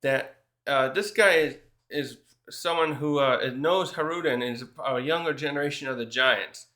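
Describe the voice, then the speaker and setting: A man's voice: mid-range voice, normal speed, pushed and bright. A man casually recapping a manga chapter, rambling with restarts and fillers as he reads out what the characters say. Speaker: manga reviewer.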